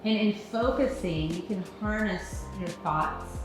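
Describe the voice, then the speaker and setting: Very reverberant room, woman yoga teacher, unhurried guided breathing, measured counting, music behind. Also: mid-range voice. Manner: measured, encouraging instruction with slow counting.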